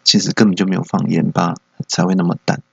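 A man's voice: sits low, flat delivery, fast talker, vocal fry, a bit bright, slightly rough, dry recording. A man hosting a solo comedy podcast, telling playful stories. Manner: playful storytelling. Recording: dull, dry lo-fi home recording.

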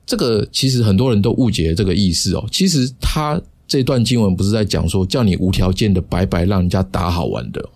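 A man hosting a casual solo podcast, chatty and sprinkled with drawn-out particles. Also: on the low side, lively intonation, darkish tone. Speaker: podcast host.

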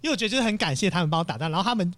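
A man tells a story in casual conversation at a quick clip. His pitch swings widely as he acts out the people he quotes. The recording is dry and close. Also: expressive, fairly bright tone, dry recording. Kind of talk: casual chat.

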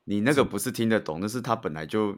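A man's voice: lowish voice, animated, quick pace. A man with a Taiwanese Mandarin accent co-hosting a podcast in casual, bantering conversation. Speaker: podcast co-host.

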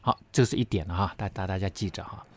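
A man's voice: sits low, fast, no room sound. A man teaching a Bible study lesson, explaining step by step with frequent tag particles and emphatic asides.

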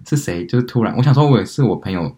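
Fast-talking young podcast host, a man. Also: mid-range voice. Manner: animated storytelling, acts out quotes. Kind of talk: casual chat.

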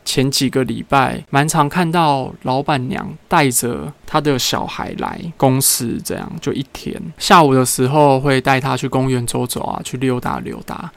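This young podcast host has a smooth, mid-range voice with some vocal fry, recorded without room sound. Alone on his casual show, he spins everyday anecdotes, performing other people's lines as he goes.

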